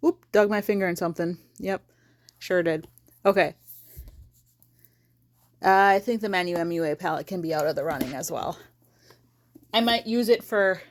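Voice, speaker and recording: A woman beauty vlogger talking casually to her viewers, thinking aloud and correcting herself mid-sentence as she sorts her makeup. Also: medium pitch. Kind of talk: casual rambling chat to camera.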